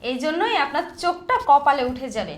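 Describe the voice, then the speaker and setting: Casting: woman acting as a sharp masked young woman, high voice, faint noise. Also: very animated, brisk. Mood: evasive. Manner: sharp, evasive. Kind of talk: amateur short film acting.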